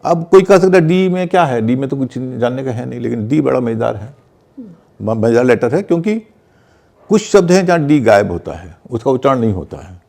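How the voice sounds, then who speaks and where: A man leads a pronunciation lesson in a methodical, explanatory way. He spells words out letter by letter and repeats each example. His voice is gravelly, with a dark, mellow tone. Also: medium pitch, animated, fairly quick. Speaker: pronunciation teacher.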